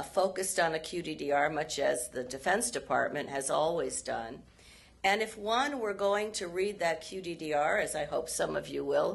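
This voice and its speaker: Woman, hoarse, gravelly, formal policy lecture, measured with many pauses. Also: low-pitched. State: hoarse, frog in her throat. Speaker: keynote speaker, former State Department official. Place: university lecture event.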